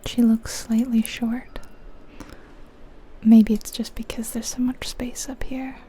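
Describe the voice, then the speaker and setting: Close to the microphone, a woman creating an ASMR video whispers breathily through game commentary, musing aloud and unable to decide. Her mostly unvoiced whisper sits on the high side, flat and slow, with a warm tone.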